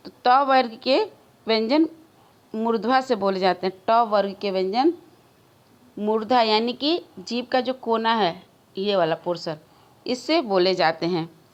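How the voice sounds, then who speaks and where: A woman teaching a school grammar lesson, speaking slowly and deliberately. Her voice sits a little high. She repeats key words for emphasis and answers her own questions for the class. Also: dull audio.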